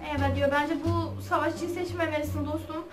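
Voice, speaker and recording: Excitable young woman gamer host, very high and animated, with game music behind her. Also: fairly quick, distant mic. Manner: excitable, chatty, shrieks and giggles while playing. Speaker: gaming channel host. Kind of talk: casual gameplay commentary. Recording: echoey room, off-mic, game music behind.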